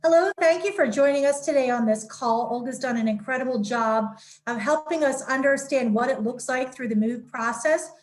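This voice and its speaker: A woman's voice: high-pitched, moderate pace, few pauses. A woman giving a promotional presentation on a video call as a marketing director for senior living.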